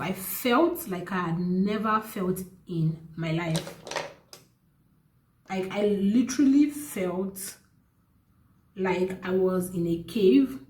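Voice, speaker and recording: A young woman with a Nigerian accent, telling a personal story to the camera in an earnest, animated way, restarting often and jumping up in pitch for emphasis. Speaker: vlogger. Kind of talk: casual storytelling. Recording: echoey room.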